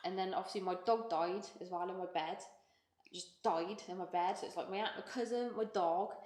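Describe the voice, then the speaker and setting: A woman telling a personal story in an interview, blunt and sweary, halting with fillers and getting emotional. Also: fairly low pitch, darkish tone. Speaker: guest. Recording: echoey room.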